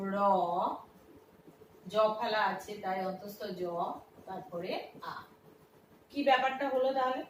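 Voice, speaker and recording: A woman teacher explaining a lesson step by step, asking questions and answering them herself. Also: fairly high pitch. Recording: echoey room, from a distance, faint noise.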